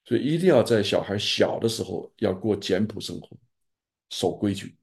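A man's voice: lowish voice, lively intonation, normal speed, vocal fry, slightly rough. An older man, a pastor, sharing earnest fatherly advice in an online group gathering.

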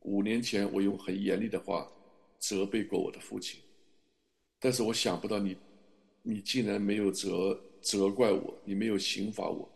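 Middle-aged male pastor, low gravelly voice, earnest confessional preaching. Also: steady tone, moderate pace. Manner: earnest, confessional, rising to fervent emphasis. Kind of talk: sermon with personal testimony.

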